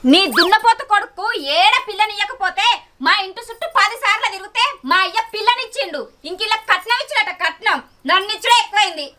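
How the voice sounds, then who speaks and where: A young woman with a Telangana Telugu accent, acting as a sharp-tongued daughter-in-law who fires back insults. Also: very high-pitched, quick pace. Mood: defiant. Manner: retorting, insulting. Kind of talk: village short-film acting. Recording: background music under dialogue. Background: film music.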